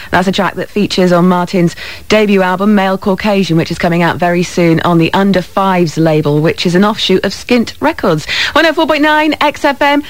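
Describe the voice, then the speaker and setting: A woman's voice: mid-range voice, no echo. A British woman hosting a music radio show as DJ, informal and chatty, often checking in with short tag questions, on a close studio microphone.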